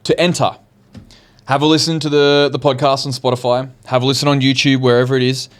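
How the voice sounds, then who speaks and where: A man's voice: medium pitch, flat delivery, brisk, smooth. Easygoing, upbeat male podcast guest. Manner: easygoing, enthusiastic, casual. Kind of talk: casual chat.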